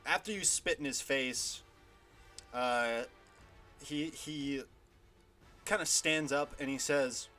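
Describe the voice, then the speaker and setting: Slow, bright-voiced male game master. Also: medium pitch, soft background music. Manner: unhurried, hesitant with many fillers. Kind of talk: narrating a tabletop game.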